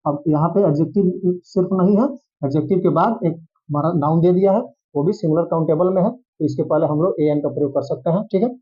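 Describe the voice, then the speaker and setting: Male grammar teacher, high-pitched, repetitive and reassuring; dull lo-fi recording. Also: fairly quick. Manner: repetitive, reassuring, checks in with "theek hai". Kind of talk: explanatory grammar lesson. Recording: dull lo-fi sound.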